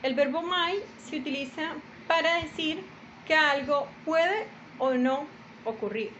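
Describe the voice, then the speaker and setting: Brief: woman teacher, native Spanish speaker, high voice, patient and deliberate, repeats examples. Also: a bit bright. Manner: careful, repeats English examples slowly. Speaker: English teacher. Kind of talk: slow explanatory lesson. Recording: dull lo-fi home recording with faint noise.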